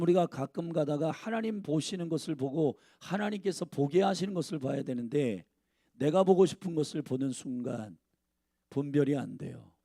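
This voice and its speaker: A man's voice: a little high, vocal fry, mellow, no echo, clean studio sound. A male pastor preaching a sermon, speaking emphatically and addressing the congregation directly.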